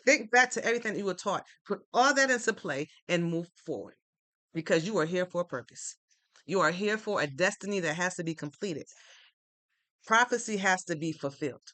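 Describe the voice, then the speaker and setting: A man's voice: high-pitched, lively intonation, brisk, pushed and bright, no room sound. A man hosting a live stream, giving earnest, repetitive, faith-based encouragement to viewers. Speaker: livestream host. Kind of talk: motivational live-stream talk.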